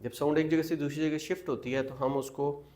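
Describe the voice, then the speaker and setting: A man's voice: a little high, little pitch movement, mellow. A man, teaching pronunciation in a classroom and drawing out the English words he models for the class. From Pakistan. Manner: slow, drawn-out model readings of English words. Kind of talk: classroom lesson, Urdu mixed with English.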